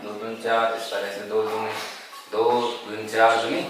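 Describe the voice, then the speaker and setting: A man's voice: on the low side, monotone, moderate pace. A male math teacher, working through sums on the board and reciting times tables aloud as he asks his class questions and answers them himself. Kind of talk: board lesson. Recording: echoey room, mic far off, noisy.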